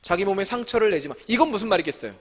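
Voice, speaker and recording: A man with a fairly high voice teaches scripture to a gathering and keeps asking questions and then answering them himself. His voice rings in a church hall with a long reverb tail. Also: animated, very fast, husky. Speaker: staff teacher leading a Bible study. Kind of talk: interactive sermon teaching.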